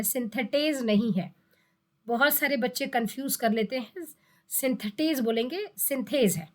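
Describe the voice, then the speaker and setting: A woman whose voice sits high teaches biology to exam students as part of an exam-prep lecture. She explains each step in order, repeats key terms for emphasis, and poses questions to herself before answering.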